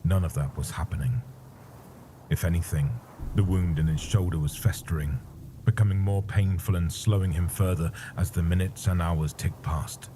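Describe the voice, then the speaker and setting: A man narrating a story in a measured, grave manner. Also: low voice, noisy background. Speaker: audiobook narrator. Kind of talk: scripted narration.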